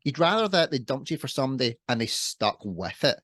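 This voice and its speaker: A man's voice: mid-range voice, sing-song, a little fast, fairly bright tone, dry recording. A young man co-hosting a casual podcast chat, joking and rambling with frequent laughs. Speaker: podcast co-host.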